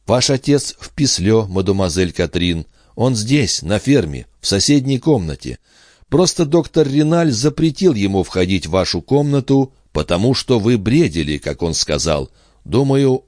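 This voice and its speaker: A man's voice: on the low side, big pitch swings, normal speed, darkish tone, no room sound, studio quality, voice pushed up. A man doing a flustered young farmhand. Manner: flustered, eager to please. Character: awkward earnest big-handed young farmhand.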